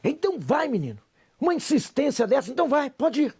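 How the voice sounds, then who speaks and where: A man's voice: extremely high pitch, big pitch swings, fairly quick, vocal fry, a little mellow, pitched above the performer's own voice, exaggerated voice. A Brazilian man with a Brazilian Portuguese accent voicing his older mother, who is stern yet tender, in a scolding then pleading way. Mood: exasperated.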